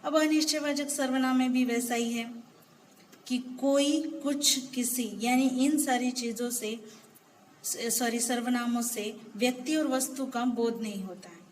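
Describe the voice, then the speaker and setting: A woman's voice: a little high, a little slow, big-room sound, a little hiss or hum, low-quality recording. A woman teaching a grammar lesson, patiently explaining and listing many examples.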